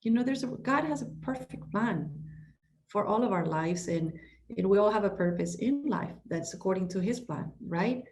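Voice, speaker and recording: On a conversational podcast, a middle-aged woman from Ecuador who works as a real estate broker talks in a mid-range, slightly mellow voice with lively intonation and a moderate pace. She's passionate and emphatic, often restarting her sentences and sprinkling in "you know."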